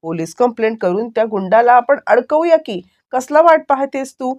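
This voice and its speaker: A woman's voice: a little high, lively intonation, normal speed, a little mellow, highs cut off, pitched above the performer's own voice, close to an everyday voice. A woman voicing the lines of a worried middle-aged man who presses a relative with questions. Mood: pressing.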